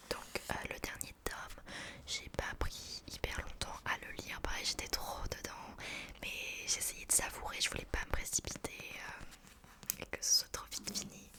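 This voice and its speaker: A woman speaks entirely in a hushed library whisper, breathy and unvoiced. Her delivery is informal and chatty, in the style of an ASMR book review. The whisper stays soft throughout. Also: moderate pace.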